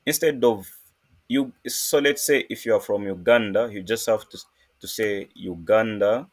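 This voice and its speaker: A man from Zambia hosting a casual screen-recorded coding tutorial, talking in a halting way with many fillers and restarts. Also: fairly low pitch. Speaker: programming tutorial host.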